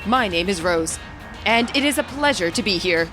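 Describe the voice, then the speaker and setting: Over music, a woman with a medium pitch and lively intonation speaks at normal speed in a voice close to her everyday one. Her role is a male business chairman in a game story, and she gives a pompous, formal welcome speech, grand and showy in tone.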